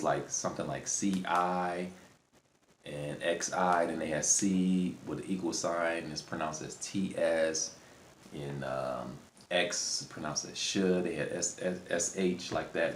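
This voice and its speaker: A man with a bass voice and a fairly bright tone hosts a language-learning video, offering casual, unscripted advice. He rambles, often repeating and rephrasing himself, in a roomy-sounding recording with faint background noise.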